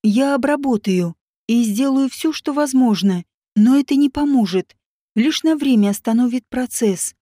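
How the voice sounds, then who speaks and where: A woman reading the part of a frightened young woman healer, speaking softly and with resignation. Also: high-pitched, animated, moderate pace, dry recording, studio quality. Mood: resigned.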